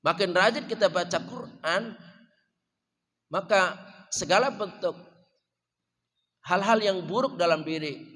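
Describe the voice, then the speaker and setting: A man with an Indonesian accent preaching a sermon in a mosque, questioning the congregation and swinging from loud emphatic lines to soft quiet phrases. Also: on the high side. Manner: addresses the congregation with questions, swelling then dropping to soft phrases. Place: mosque hall. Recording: long mosque reverb.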